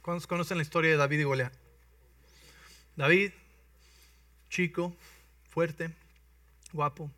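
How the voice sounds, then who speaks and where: A man preaching a sermon, telling the story with energy and often checking in with his listeners. His voice is bright and a little high. He is heard from a bit away from the mic in a dry room. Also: fairly even intonation, measured pace, long pauses, no room sound. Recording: voice from some distance, dry.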